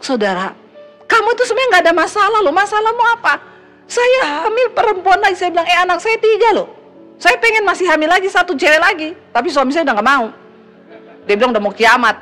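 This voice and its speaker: A middle-aged woman pastor with a high voice delivers an emphatic sermon. She swings between loud exhortation and hushed asides, and raises her voice when she quotes other people. Soft music plays faintly beneath her.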